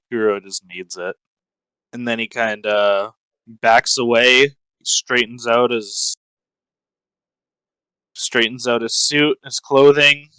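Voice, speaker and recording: A man improvising story narration as a player in a tabletop game, with dramatic, deliberate pauses. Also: medium pitch, pushed and bright, clean tone, dry recording, low-quality recording. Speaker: tabletop role-play player.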